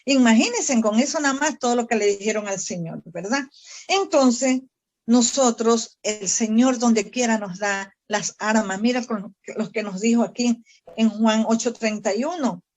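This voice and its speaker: A woman's voice: on the high side, unhurried, a little mellow. A woman missionary teaching a Bible study, earnest and fervent, often asking her listeners questions directly. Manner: earnest, fervent preaching with prayers spoken aloud.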